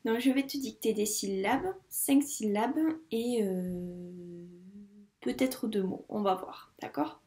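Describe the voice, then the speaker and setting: A woman teaching first grade, running a dictation lesson for young children and saying syllables slowly and clearly. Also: mid-range voice, dark tone. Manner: slow, clearly articulated syllables. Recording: echoey room.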